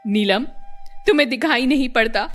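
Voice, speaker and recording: A woman's voice: a little high, moderate pace, faint music behind, pitched above the performer's own voice, close to an everyday voice. Woman doing a weary young husband. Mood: exasperated. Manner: pleading, exasperated. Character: weary husband caught between wife and mother.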